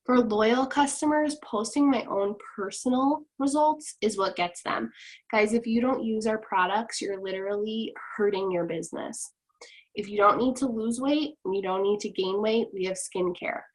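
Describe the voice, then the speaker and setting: A woman's voice: medium pitch, normal speed, poor audio. A young adult woman giving casual, upbeat sales advice on a video call, full of "like" and "you know.". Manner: chatty, peppers speech with "like" and "you know". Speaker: guest, top-ranked direct sales distributor. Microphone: video call microphone.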